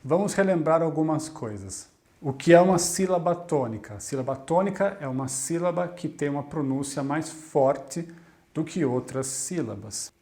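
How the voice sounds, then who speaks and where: Clear, deliberate man teaching. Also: fairly high pitch, animated, dark tone. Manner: clear, deliberate, slows down to model Italian words. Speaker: Italian language teacher. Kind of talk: scripted video lesson.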